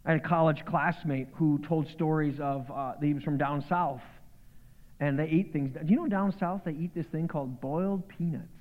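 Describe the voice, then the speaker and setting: A male pastor preaches in a relaxed, joking way and breaks into animated bursts now and then. His voice sits fairly high for a man. The sound is thin and phone-like, with a long reverb from a big church hall. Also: moderate pace. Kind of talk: sermon.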